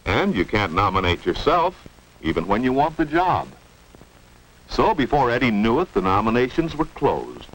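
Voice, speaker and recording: A man's voice: mid-range voice, fairly bright tone. An American man narrating a 1950s instructional film in an explanatory way, posing rhetorical questions. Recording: noisy vintage 1950s film soundtrack.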